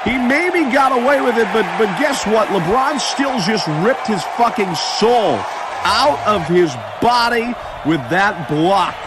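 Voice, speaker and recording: This man's high-pitched, expressive voice takes things slowly as he delivers spoof basketball play-by-play like a foul-mouthed, over-the-top announcer. Behind him is a noisy game atmosphere of crowd noise, court sounds and a bouncing ball.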